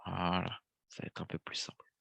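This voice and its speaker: A young French trading webinar host, congested from a cold, talks at a normal speed in a bright, forceful voice with no room sound. He casually takes viewers through a live lesson, thinking aloud and using plenty of fillers.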